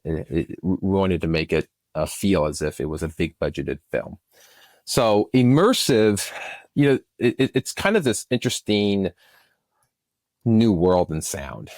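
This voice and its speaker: A man with a low, slightly mellow voice gives enthusiastic explanations as an interview guest, halting and often restarting his phrases. He is recorded remotely over internet software, yet the sound is clean, studio-like, and free of echo.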